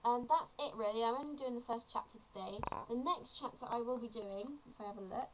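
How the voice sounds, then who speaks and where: Teen girl, 17, casual vlogger, earnest and chatty, slightly high voice. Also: brisk, slight background noise, poor audio. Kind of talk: casual tutorial vlog.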